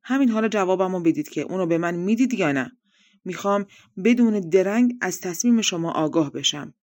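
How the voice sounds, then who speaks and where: A woman's voice: lowish voice, animated, darkish tone, dry recording, studio quality, natural voice. A woman voicing an impatient male monster who demands a bride, in a storybook reading. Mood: demanding.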